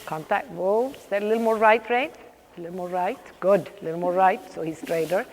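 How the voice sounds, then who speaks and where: A woman riding instructor projects brisk commands across an echoing arena. She is directive, repeating short phrases and adding quick praise. Background noise runs under her mid-pitched voice. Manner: directive, interspersed with brief praise. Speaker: riding clinician coaching horse and rider.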